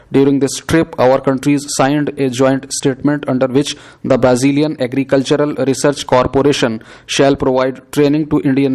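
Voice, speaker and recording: A man dictating prepared text aloud for a shorthand exercise, reading in a measured, steady, scripted way. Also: medium pitch.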